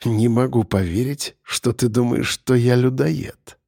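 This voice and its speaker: A man voicing a menacing male cannibal captor who speaks quietly, slowly and coldly. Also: mid-range voice, vocal fry, no echo, clean studio sound. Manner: quiet, slow and icy. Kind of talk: audiobook character voice.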